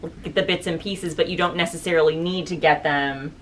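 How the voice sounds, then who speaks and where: A woman's voice: low voice, fairly even intonation, fairly quick, a little hiss or hum, rough recording. A woman co-hosting a book discussion, talking in a rambling, informal way full of filler words. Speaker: co-host of a book review show. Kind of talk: casual book discussion chat.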